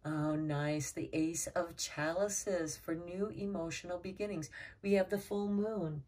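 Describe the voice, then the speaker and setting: Woman tarot reader, low voice, calm and reassuring, unhurried, recorded slightly off-mic. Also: far from the mic. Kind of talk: tarot card reading.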